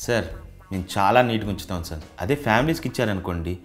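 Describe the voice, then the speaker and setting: A man's voice: lowish voice, fast talker, over music. A young man, a bachelor tenant, earnestly persuading a house owner in a comedy sketch, saying "sir" again and again.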